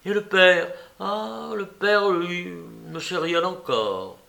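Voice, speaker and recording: A man's voice: high-pitched, sing-song, slow pace, vocal fry, pushed and bright, heavily acted. A man reading a novel aloud, voicing an irritated, stubborn elderly aunt who scolds her nephew. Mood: exasperated. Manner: scolding, indignant questioning. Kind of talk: audiobook character reading.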